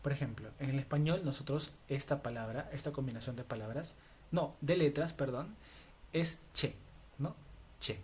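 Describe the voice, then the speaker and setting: A man's voice: medium pitch, darkish tone, a little hiss or hum. Patient male language teacher. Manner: patient, repeats words slowly, asks ¿ok? often. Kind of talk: online language lesson.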